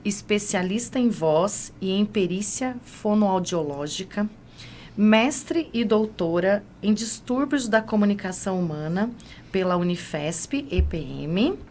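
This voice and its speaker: A woman's voice: medium pitch, animated, a little slow, darkish tone, a little hiss or hum. A woman with a Brazilian Portuguese accent co-hosting a podcast, welcoming and introducing a guest politely. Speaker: podcast co-host.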